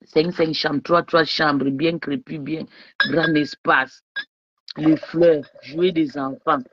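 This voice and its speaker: A woman's voice: deep voice, fairly even intonation, takes it slowly, lo-fi sound, slight background noise. A woman on a casual live stream from her bedroom, sipping wine as she boasts, taunts rivals and keeps asking her viewers if they understood. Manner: rambling with repeated questions to viewers. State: drinking wine while talking.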